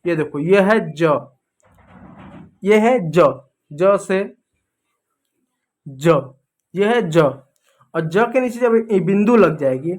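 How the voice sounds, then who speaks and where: A man from India teaching English pronunciation, drilling each word over and over in a teasing, scolding way. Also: on the high side. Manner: repetitive, drilling words over and over. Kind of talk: classroom lesson.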